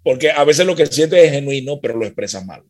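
A man's voice: mid-range voice, animated, brisk, darkish tone. Male co-host, earnest and reflective, repeats for emphasis, mid-range voice. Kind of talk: faith-based couples talk show chat.

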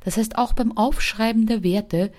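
A woman's voice: fairly high pitch, moderate pace, a little mellow. A woman hosting a podcast about anger, talking directly to her listeners in a coaching way and putting questions to them.

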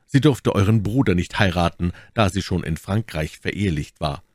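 A man's voice: sits low, lively intonation, normal speed, a little mellow, dry recording, clean studio sound. A man voicing a bold young musketeer in an audiobook reading, speaking forthright and firm. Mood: urgent.

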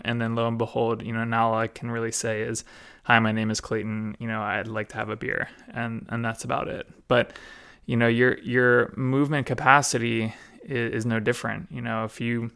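A young adult man talks casually as a mobility coach. His voice is gravelly yet smooth and resonant. He keeps a loose, conversational flow full of fillers and restarts. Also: mid-range voice, a bit bright. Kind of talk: casual explanatory talk.

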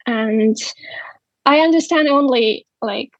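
A woman in her twenties with a Ukrainian accent, telling her story as an interview guest, slow and halting with many pauses. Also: high-pitched, no room sound, highs cut off. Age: 20s. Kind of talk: interview testimony.

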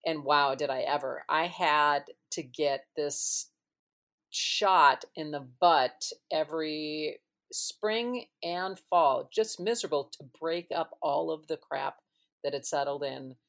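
Female host, low voice, loose chatty delivery with easy laughs. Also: slow, a bit bright. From Minnesota, US. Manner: chatty and rambling, laughs easily. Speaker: podcast host. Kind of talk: casual chat.

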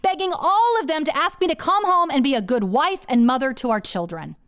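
A woman's voice: high-pitched, lively intonation, fairly quick, fairly bright tone, no echo, studio quality. A woman telling a first-person story in a candid, profane way, acting out the voices she quotes.

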